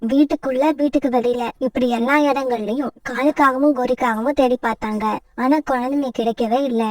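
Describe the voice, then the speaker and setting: A woman narrates a children's cartoon story in a steady, even manner. Her voice is fairly high, and the recording is dry, with the mic set slightly back. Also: fairly quick, dry recording, far from the mic.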